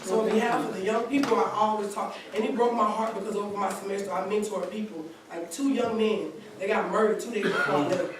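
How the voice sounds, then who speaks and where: Her voice is mid-range and steady, moving at a quick pace with few pauses while a crowd murmurs behind her. She's a college student in her twenties giving an earnest testimony in long run-on sentences at a community seminar. The recording, made from a distance in a large church hall, is very echoey and noisy.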